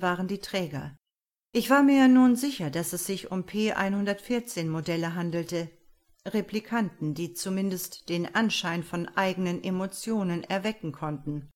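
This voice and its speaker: A woman reads an audiobook aloud with measured, expressive storytelling. Her voice sits on the lower side for a woman and she shapes each sentence with care. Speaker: narrator. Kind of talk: audiobook narration.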